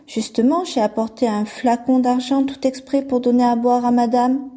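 A woman's voice: a little high, steady tone, moderate pace, mellow, natural voice. A woman voicing a rude, proud young sister in a read-aloud fairy tale, scornful and sarcastic.

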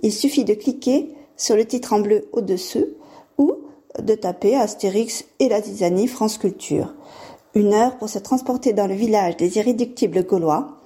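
A woman reading a fairy tale aloud and presenting a reading slot, steady and clear in her delivery. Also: mid-range voice, normal speed. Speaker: storyteller and presenter.

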